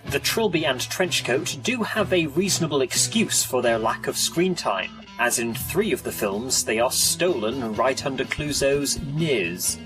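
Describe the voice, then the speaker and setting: A man's voice: mid-range voice, animated, a little slow, few pauses, over music, low-quality recording. A man reading scripted documentary narration as the narrator.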